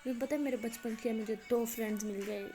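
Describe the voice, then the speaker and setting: A woman's voice: a little high, fairly even intonation, dark tone, soft background music, natural voice. A woman voicing a playful, doting young woman who teases her girlfriend. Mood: teasing. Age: young adult. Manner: playful, doting, exclaims often.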